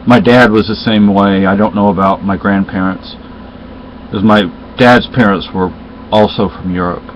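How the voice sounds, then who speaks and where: Slightly low and fairly even in intonation, this middle-aged Spanish man's voice comes through a dull lo-fi recording with a bit of background noise. A native Spanish speaker, he tells stories in casual chat, rambling and restarting often.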